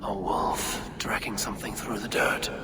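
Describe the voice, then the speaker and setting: Man playing a grave, steady Viking warrior, noisy ambience. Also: mid-range voice, moderate pace, close to an everyday voice. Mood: hushed, wary. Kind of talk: video game voice acting.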